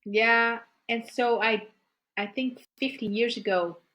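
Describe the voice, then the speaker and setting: A middle-aged woman appearing as a guest therapist shares her personal story in conversation, her voice fairly high, steady and fairly bright. She speaks haltingly, repeating words while she searches for her thoughts. The audio quality is poor.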